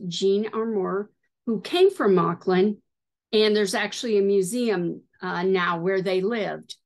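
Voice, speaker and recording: A middle-aged woman hosting a needlework video, showing items in a casual, hesitant way with many fillers. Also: medium pitch. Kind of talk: casual show-and-tell.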